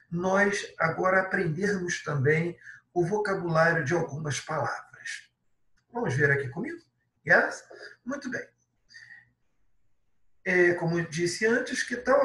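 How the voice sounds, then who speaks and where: A man with a Brazilian accent gives an online English lesson, with a high, bright voice and an unhurried pace. He repeats key words slowly and carefully. The recording sounds echoey, as if he sits a bit far from the mic. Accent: Brazilian Portuguese. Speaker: English teacher.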